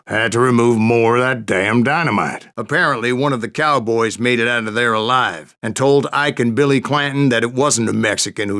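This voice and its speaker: Silas Greaves, gravelly old gunslinger. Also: male voice, on the low side, a bit bright. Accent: American Western drawl. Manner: folksy, rambling, theatrical. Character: grizzled old Wild West gunslinger spinning boastful tales. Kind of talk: dramatic first-person storytelling narration for a western game.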